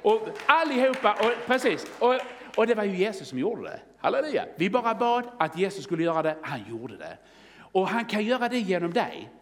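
A man's voice: high voice, very animated. A man preaching a sermon, telling a testimony story in a fervent, exclaiming way and calling out halleluja. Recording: long reverb of a church hall.

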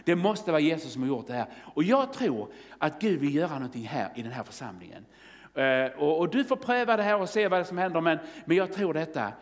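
Telling a story from the pulpit, a male preacher grows more and more fervent, shouting halleluja as his testimony turns excited. His voice runs slightly high, heard through a long hall reverb.

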